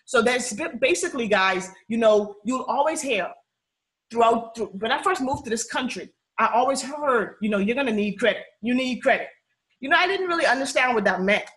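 On a low-quality recording, a Bahamian woman in her thirties with a fairly high, expressive, slightly bright voice talks fairly quickly. She's hosting a live personal finance webinar on a video call from a small room at home, staying chatty and upbeat and often checking in with "you know" and "okay?".

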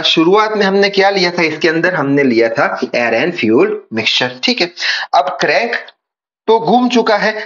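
Man, young adult, engineering tutor, fairly high voice, slightly dull lo-fi audio. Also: fairly bright tone. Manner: repeats key points as questions. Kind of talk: whiteboard lecture.

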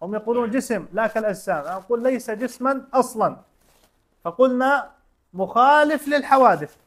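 A man's voice: very high voice, animated, fast. A man teaching a religion class, explaining step by step with everyday examples and quizzing his students with short questions. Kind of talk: classroom lesson.

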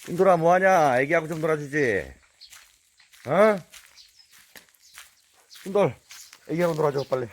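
A man casually talking to his dogs and the camera, loudly coaxing and scolding them outdoors. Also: fairly high pitch, fast talker. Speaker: channel host living in nature. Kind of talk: casual talk to dogs and viewers.

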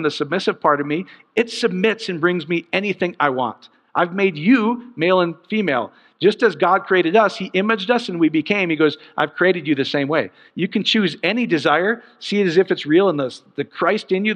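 A middle-aged man preaching a sermon in an animated, joking way, often breaking into laughter. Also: high-pitched. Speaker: pastor. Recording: dull sound in a long-reverb hall.

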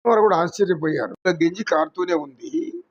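A man with a Telugu accent, a yoga teacher telling a moral story in an unhurried, preachy way. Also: high voice, vocal fry, highs cut off.

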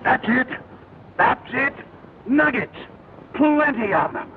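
Excitable, high-pitched frontier man. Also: normal speed, echoey room. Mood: elated. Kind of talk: 1930s film western acting. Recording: tinny noisy 1930s film soundtrack.

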